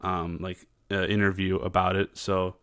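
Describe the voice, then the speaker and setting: Low-voiced man rambling political commentary. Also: level tone, a bit bright, clean tone, dry recording, studio quality. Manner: halting, many fillers and restarts, mocking put-on voices.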